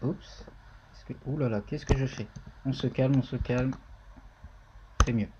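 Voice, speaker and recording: A man's voice: medium pitch, measured pace, highs cut off, noisy background. A man streaming a casual live-coding tutorial, thinking aloud and talking to viewers in the chat.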